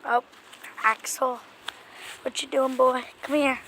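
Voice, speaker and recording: A woman hosts a casual pet vlog, talking to her cats in a slow, coaxing way. Her voice sits a little high. A faint background noise runs under the recording. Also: flat delivery, pushed and bright. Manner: coaxing talk to pets, laughing. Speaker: vlogger.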